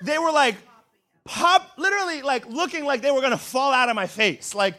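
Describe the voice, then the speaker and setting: A man in his thirties, from Brazil, preaches with a very high voice. His tone is bright and forceful. He tells funny personal stories in an animated way. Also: normal speed. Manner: animated, humorous storytelling with laughs.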